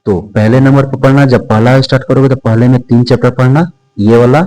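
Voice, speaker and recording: A man's voice: medium pitch, fairly even intonation, a little fast, dark tone, rough recording. A man teaching an exam-prep math lesson, repeating key terms and asking questions he then answers himself. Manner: repetitive, asks and answers own questions.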